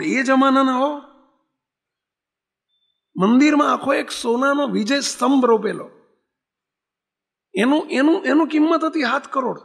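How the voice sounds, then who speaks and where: A man's voice: very high voice, gravelly, a bit bright. A man telling a sacred story in a devotional discourse, acting out the characters and putting questions to his listeners. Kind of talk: Gujarati devotional katha discourse.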